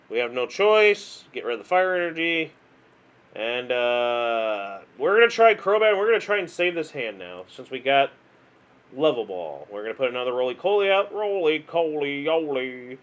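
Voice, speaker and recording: High-voiced man narrating a card game. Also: fairly bright tone, lo-fi sound. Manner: chatty, exasperated, self-mocking; hums and sighs, laughs at himself. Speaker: gaming video host. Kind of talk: casual card game commentary.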